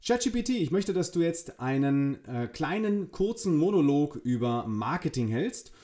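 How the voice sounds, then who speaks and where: A man's voice: fairly high pitch, sing-song, moderate pace, warm tone. A man hosting a demo video, enthusiastically giving spoken commands and commenting on the results. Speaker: host. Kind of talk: tech demo presentation.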